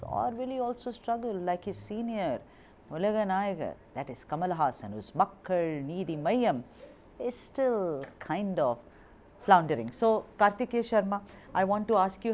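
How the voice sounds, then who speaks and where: A woman's voice: fairly low pitch, a little mellow, slight background noise. Woman anchoring a news discussion. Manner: conversational, emphatic, interjecting.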